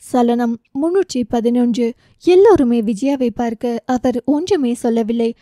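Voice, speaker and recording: A woman narrating a romance novel as an audiobook, reading with expressive storytelling. Her voice is high and mellow, recorded close and dry with no room sound. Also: no echo.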